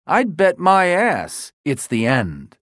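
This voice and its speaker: A bitter, cold grown man, as a male narrator plays him, curt and determined. The voice moves through lively pitch swings. The recording is dry and close. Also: takes it slowly, no room sound, exaggerated voice. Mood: angry. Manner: blunt, curt.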